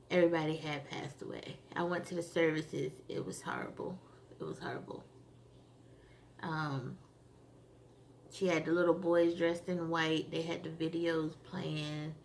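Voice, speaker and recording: A woman with a low, gravelly voice recapping a TV episode in a loose, rambling way. She talks casually and leans on frequent fillers as she works through what happened. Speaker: TV episode reviewer.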